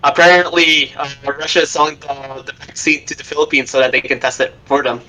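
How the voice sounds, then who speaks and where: A man's voice: on the high side, little pitch movement, brisk, sharp tone, soft background music, rough recording. A man co-hosting a casual podcast, talking in an offhand, joking way. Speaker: podcast co-host. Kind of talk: casual chat.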